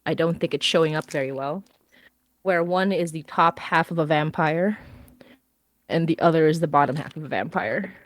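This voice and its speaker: In a casual stream chat, a woman who writes horror and is guesting on a podcast talks in a bubbly, rambling way, laughing frequently. Her voice sits low, her pace is moderate, and there's no echo.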